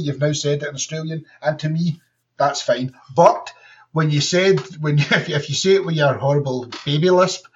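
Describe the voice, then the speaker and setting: Brief: chatty, crude man, slightly high voice, recorded dull and a bit far from the mic. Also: a bit bright. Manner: rambling, frequent laughter, crude jokes. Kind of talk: casual chat.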